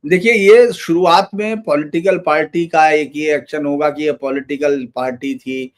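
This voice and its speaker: A man's voice: on the high side, steady tone, normal speed. A man giving emphatic political commentary in a loose, run-on conversational manner.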